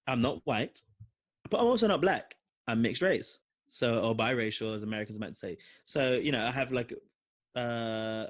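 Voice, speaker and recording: A young man from London with a London accent, telling a long personal story on a podcast with lots of fillers. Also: medium pitch. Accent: London English. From London, England. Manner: rambling, animated storytelling with frequent fillers. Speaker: podcast co-host. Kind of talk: casual storytelling chat.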